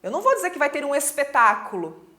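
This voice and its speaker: Woman, Brazilian Portuguese accent, teacher, recorded lesson, patient explaining, animated intonation. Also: sits high, fast talker. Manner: patient, explanatory, often checks understanding with tag questions.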